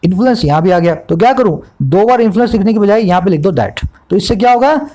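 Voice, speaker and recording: High-voiced man teaching English grammar. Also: lively intonation, warm tone, rough recording. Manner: teacherly, asks the class questions, reads English slowly word by word. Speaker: English tutor. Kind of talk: explaining a newspaper editorial in Hindi with English terms.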